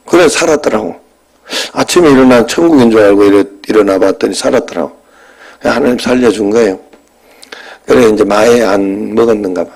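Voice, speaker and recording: Storytelling pastor in a chatty sermon. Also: male voice, lowish voice, vocal fry, breathy edge, rough recording. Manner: conversational storytelling, swings between animated and hushed.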